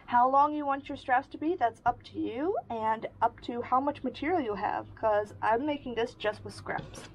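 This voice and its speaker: A woman's voice: a little high, moderate pace, few pauses, slight background noise, poor audio. A woman giving a casual sewing tutorial, explaining each step in a friendly way while she works. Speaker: sewing instructor.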